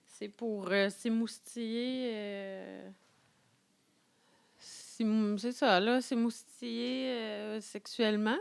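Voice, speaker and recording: Slow-talking Quebec French woman. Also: fairly high pitch, steady tone, creaky, smooth. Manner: hesitant, with many restarts. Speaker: podcast co-host. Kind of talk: casual book-club chat.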